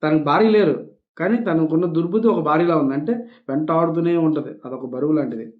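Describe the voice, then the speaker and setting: A man's voice: fairly high pitch, brisk. A man reading a devotional text aloud and explaining it in casual speech, with small restarts and English words dropped in. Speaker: devotional reader. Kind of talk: scripture reading with spoken commentary. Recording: tinny phone-like recording.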